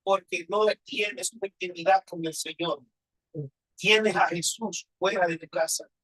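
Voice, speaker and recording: A man's voice: high voice, steady tone, unhurried, bright, forceful tone, slightly rough, no echo, low-quality recording. A man preaching a personal testimony sermon, telling his story with emotion and asking rhetorical questions.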